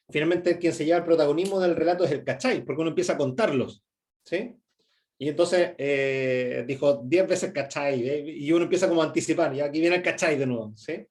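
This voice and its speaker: A middle-aged man with a Chilean accent, teaching a presentation skills workshop, often checking in with "¿sí?" and filling pauses with "eh". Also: fairly high pitch, darkish tone. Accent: Chilean Spanish. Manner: frequent "¿sí?" checks and "eh" fillers. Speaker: workshop instructor.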